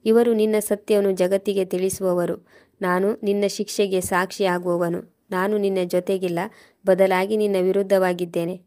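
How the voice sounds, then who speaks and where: A cold, betrayed husband levels accusation after accusation in an even, unbending tone, as a woman narrator reads him. The delivery stays level in pitch with little rise or fall. The recording is dry and close. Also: moderate pace, dry recording, close to an everyday voice. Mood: accusing. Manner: accusing, harsh.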